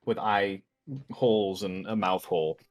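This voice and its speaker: A man runs a tabletop game as its game master. His voice sits fairly low, and he lays out each scene in a measured, descriptive manner. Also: fairly even intonation.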